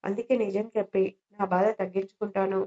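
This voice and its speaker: Storybook young wife, shy and flustered, read by a woman, mellow and mid-pitched, lo-fi recording. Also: flat delivery, fairly quick, lightly acted. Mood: earnest. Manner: flustered, scolding lightly. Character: shy young newlywed wife, teasing yet anxious.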